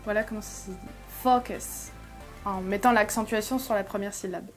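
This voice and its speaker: A woman's voice: medium pitch, steady tone, fast talker, faint music behind. A woman hosting an English-learning channel, giving reaction commentary, explaining pronunciation step by step and thinking aloud as she sounds out words.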